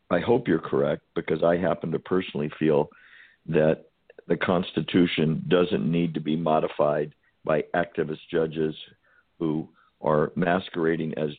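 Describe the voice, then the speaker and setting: A man's voice: very deep voice, slightly rough, dry recording. A man hosting a talk radio show, giving indignant, emphatic opinions to a guest. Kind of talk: call-in talk radio conversation. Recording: dry tinny phone-band audio.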